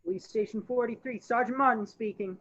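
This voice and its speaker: A woman playing a slow, bumbling police sergeant in a radio play, hesitant and mumbling. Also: on the high side, fairly bright tone, lo-fi sound. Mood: distracted. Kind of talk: stage radio play acting.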